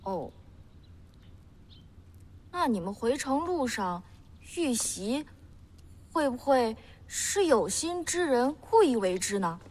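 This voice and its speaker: A woman's voice: on the high side, very animated, slow pace, pauses often, darkish tone, in a large hall, full character voice. An actress playing a young female attendant in a costume drama, inquisitive and outspoken, deferential yet pressing. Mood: probing.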